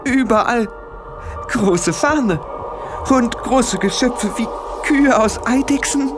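Ein Mann spricht ein verängstigtes junges Hexenmädchen, das stockend und hastig redet. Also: male voice, medium pitch, moderate pace, background noise, voice pushed up, lightly acted. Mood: eerie, dazed. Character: frightened young witch girl, shaky and strange.

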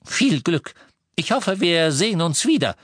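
A man's voice: on the high side, big pitch swings, unhurried, a bit bright, no room sound, studio quality, voice pushed up, full character voice. A man voicing a cheerful, slightly flustered wizard.

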